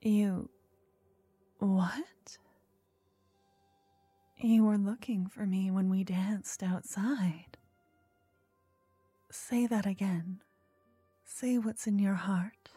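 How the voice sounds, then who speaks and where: A woman acts out an obsessive fantasy lover, tender and dangerously possessive. Her sultry ASMR role-play is very breathy and soft, with a mellow tone and an unhurried, soothing pace. The whole thing feels like an intimate audio drama spoken to one listener. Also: medium pitch, steady tone, dry recording, faint music behind. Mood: yearning, possessive.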